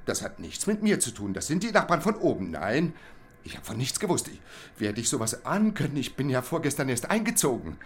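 A man voicing a lonely, self-pitying young man in a radio play. He frets aloud in an anxious monologue. His voice sits mid-range and swings widely in pitch. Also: big pitch swings, a little fast, natural voice. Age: young adult. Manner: anxious monologue, groaning in pain.

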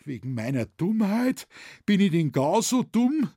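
A man's voice: sits high, big pitch swings, unhurried, mellow, no echo, clean studio sound, pitched above the performer's own voice, exaggerated voice. A man voicing a frightened, dim-witted village hunter who talks in a Bavarian dialect, pleading and panicky. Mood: fretful.

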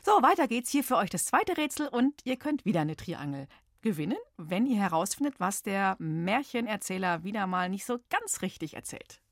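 A woman's voice: medium pitch, very animated, normal speed, no echo, clean studio sound. Upbeat woman hosting a kids' quiz. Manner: upbeat, encouraging, chatty. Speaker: radio quiz host. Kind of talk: children's radio quiz hosting.

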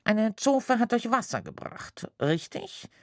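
A woman voicing an earnest young male fantasy inspector who speaks briskly and officially. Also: a little high, big pitch swings, no echo, studio quality, voice pushed up, exaggerated voice.

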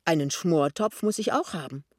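Storybook young wife, lively and insistent, pitched up high, read by a man. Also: moderate pace, no echo, studio quality, lightly acted. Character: young woman, cheerful, practical, stubborn.

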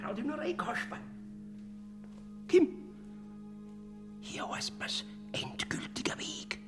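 An actor playing a sly, whispering male death figure with a Bavarian accent and a husky, breathy voice, in a radio play. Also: sits high, sing-song, a little slow, music in the background, exaggerated voice. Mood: hushed. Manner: hushed whispering, sudden loud outbursts.

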